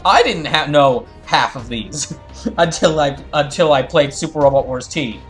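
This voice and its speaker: Over faint music, a man with a higher voice speaks expressively and a little slowly. He's streaming and hosting a live fandub, chatting with viewers and reading game dialogue, with rambling explanations that keep restarting.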